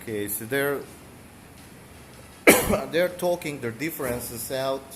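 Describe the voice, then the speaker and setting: Heavy background noise surrounds a gaming streamer from Mexico, a native Spanish speaker with a thick accent. He talks slowly in a medium-pitched voice, drifting through casual commentary with fillers and the odd cough.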